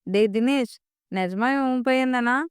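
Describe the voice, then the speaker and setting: A middle-aged friend teases in a light, slightly raised voice, as a woman reads him in an audio story. The sound is clear and close, with no echo. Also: on the high side, expressive, a little slow. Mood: teasing.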